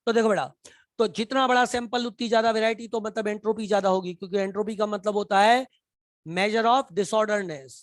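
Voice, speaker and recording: A man teaching a live class, shouting and teasing as he quizzes his students in a colloquial way. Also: high voice, flat delivery, fast, dry recording, studio quality.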